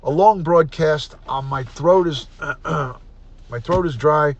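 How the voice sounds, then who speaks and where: A man in his fifties with a gravelly New voice, hosting a live stream in a loose, chatty way. He runs through viewer names one by one and keeps thanking them as he signs off. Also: a little high, slow, muffled recording. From United States. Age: 50s. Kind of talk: casual live stream sign-off.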